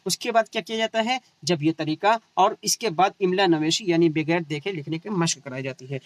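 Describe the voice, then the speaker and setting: A man's voice: fairly high pitch, no room sound, rough recording. A man with an Indian Urdu accent teaching an exam-prep lesson, asking questions and answering them himself, repeating key terms and adding "hai na".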